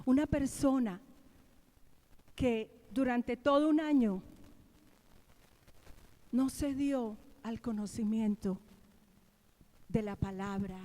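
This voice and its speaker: A woman's voice: a little high, slow, pauses often, mellow. A woman from Colombia, a pastor, preaching a sermon in church, asking the congregation questions and repeating key lines. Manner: preaching with call-and-response questions and repeated refrains. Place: church sanctuary. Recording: long reverb of a church hall.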